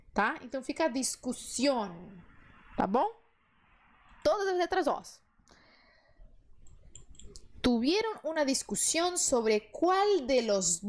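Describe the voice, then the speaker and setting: A woman teaching an online Spanish pronunciation lesson, lively and encouraging, slowing down to model words. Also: high-pitched.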